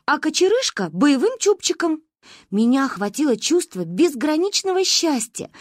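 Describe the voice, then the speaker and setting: A woman narrating a story in an expressive, playful storybook reading. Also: high voice, dry recording, clean studio sound. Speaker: audiobook narrator.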